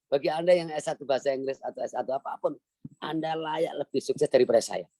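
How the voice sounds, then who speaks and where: A man's voice: fairly high pitch, fast, warm tone, no room sound. Emphatic man lecturing on a video call. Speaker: guest speaker on a business webinar.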